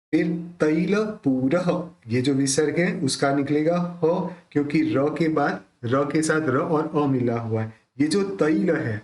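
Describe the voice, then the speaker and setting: Patient male chant teacher, slow measured delivery, echoey room. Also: on the high side, a little mellow. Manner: explains patiently, then recites verses slowly in a drawn-out chant. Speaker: Sanskrit hymn recitation teacher. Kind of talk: pronunciation lesson with slow chanted recitation.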